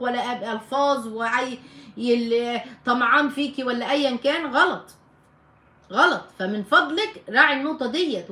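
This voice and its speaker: Fast-talking Egyptian woman giving firm advice. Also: fairly high pitch, sharp tone, roomy sound. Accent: Egyptian Arabic. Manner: firm, emphatic advice with repeated warnings. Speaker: family counselor hosting a live stream. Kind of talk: live Q&A chat reading viewer comments.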